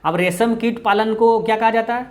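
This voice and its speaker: A man with a Bihari Hindi accent teaching exam-prep quiz answers, often dropping low and quiet for "keep this in mind". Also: steady tone, normal speed. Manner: repeats "ye dhyan rakhna hai" with a low, quiet drop.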